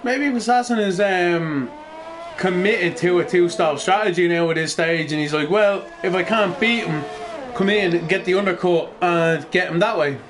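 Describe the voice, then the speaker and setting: A man giving casual, chatty live motorsport commentary as a racing commentator, excitable and full of colloquial banter. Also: sits high, moderate pace.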